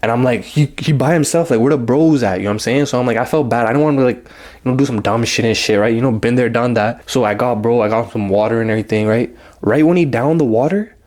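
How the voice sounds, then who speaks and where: A young man telling a story in a relaxed, rambling way, thick with slang. His voice sits in an ordinary middle pitch. He keeps acting out the lines of the people in his story. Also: fast talker. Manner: slang-heavy, rambling, acts out quotes. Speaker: vlogger. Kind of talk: casual storytime.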